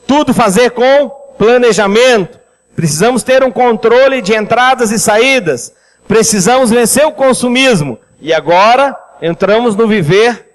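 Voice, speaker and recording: A man preaching a seminar on finances, lively and speaking directly to the congregation. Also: high voice, long reverb tail, poor audio. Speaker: pastor leading a finance seminar. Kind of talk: sermon with storytelling.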